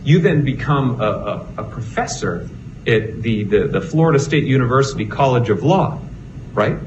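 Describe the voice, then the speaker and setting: This noisy, muffled courtroom clip features a man from the Northeastern US with a Boston accent, working as an attorney cross-examining a witness and leaning on tag questions. He speaks at a moderate pace in a mid-range voice with lively intonation.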